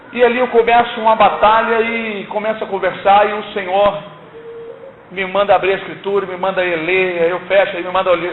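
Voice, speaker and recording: An older man giving an earnest, exhorting church testimony, often asking "não é?". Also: high-pitched. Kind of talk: sermon-like testimony. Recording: tinny lo-fi recording in echoey room, faint hiss.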